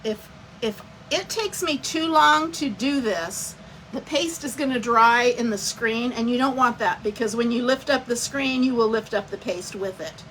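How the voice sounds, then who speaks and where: A woman's voice: fairly high pitch, a little slow, fairly bright tone, rough recording. A woman with a slightly raised voice talks viewers through a live crafting demo step by step. She is chatty and casual, stopping to greet people by name. A faint room noise sits under her voice. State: has the hiccups. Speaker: craft instructor.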